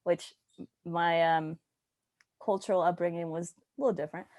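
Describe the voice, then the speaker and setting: A woman's voice: lowish voice, steady tone, moderate pace, a little mellow. A young woman from Puerto Rico, a guest in a casual chat on a video call, who talks frankly with lots of fillers. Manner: chatty, frank, many fillers. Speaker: guest, musician and therapist-in-training.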